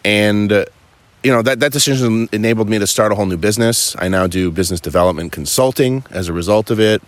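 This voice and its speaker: A man speaks as a podcast guest and tells cheerful stories. His voice sits a bit low, and the sound is dry and close. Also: fast, no echo. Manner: upbeat, laughing, storytelling. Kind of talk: casual podcast chat. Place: at a home property in California.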